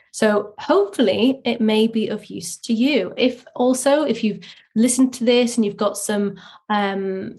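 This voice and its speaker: A woman hosting a solo podcast, explaining things in a casual, chatty way through a poor microphone with low-quality audio. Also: darkish tone. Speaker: podcast host. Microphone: faulty microphone.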